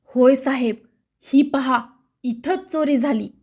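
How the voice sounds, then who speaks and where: Woman reading as a soft-spoken robbed husband. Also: high-pitched, takes it slowly, slightly rough, exaggerated voice. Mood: resigned. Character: middle-aged man, robbed neighbor, complaining.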